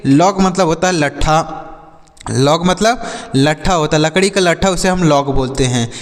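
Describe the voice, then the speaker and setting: A man's voice: on the high side, moderate pace, big-room sound. A man teaching English phonics in a patient, repetitive way, asking questions and answering them himself. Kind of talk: Hindi-language phonics lesson.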